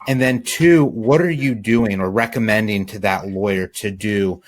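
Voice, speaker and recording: A man's voice: on the low side, moderate pace. A man hosting an interview, friendly and thinking aloud as he frames his questions. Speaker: podcast host.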